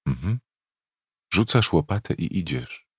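A man voicing an old, grim but protective enslaved African woman in a slow, hushed whispered role-play. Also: sits low, lively intonation, husky, dry recording, studio quality, exaggerated voice. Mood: tender.

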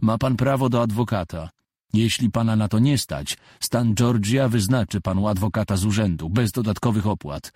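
Guy doing a steady cop reading someone their rights, deep and husky, calm. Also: normal speed, dry recording, studio quality. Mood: formal. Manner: clear, steady, formal. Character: calm, fit male police sergeant reading rights.

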